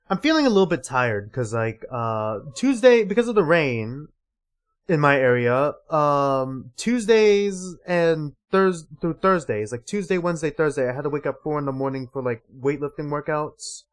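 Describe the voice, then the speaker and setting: Casting: rambling young male streamer, tired and a bit sore-throated, animated pitch. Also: a little slow. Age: young adult. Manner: rambling, many fillers, reads dialogue aloud. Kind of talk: casual live gameplay commentary.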